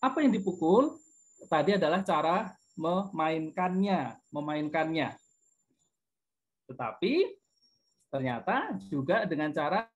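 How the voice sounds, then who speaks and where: A man's voice: fairly high pitch, expressive, a little slow, long pauses, dull audio. Middle-aged male guest teacher, patient, sings example tunes. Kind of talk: online class lecture to children.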